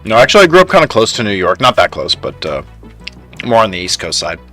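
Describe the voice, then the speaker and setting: A man's voice: on the low side, wildly swooping pitch, fast, sharp tone, faint music behind. A young man from Canada streaming a factory game, chatting casually with his viewers and laughing often. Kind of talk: casual live stream chat.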